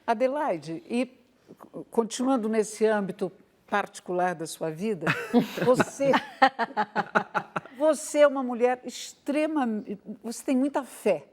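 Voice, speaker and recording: A woman's voice: on the high side, animated, measured pace, long pauses, darkish tone. Woman interviewer with teasing questions. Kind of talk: talk-show interviewing. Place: TV studio.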